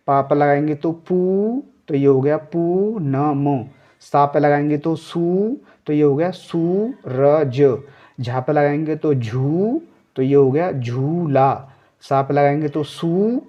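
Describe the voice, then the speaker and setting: A man's voice: a little high, dark tone, dull audio. A man teaching a reading lesson step by step, sounding out words syllable by syllable and then saying them whole, often checking in with "okay". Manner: checks in with a frequent "ठीक है". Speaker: Hindi teacher.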